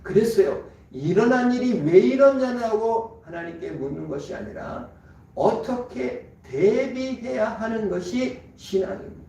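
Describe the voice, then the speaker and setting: A man's voice: on the high side, gravelly, dark tone, slight background noise. A man preaching a sermon as a pastor, firing off rhetorical questions and acting out doubters and God in quoted lines. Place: church sanctuary. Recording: echoey church hall from far off.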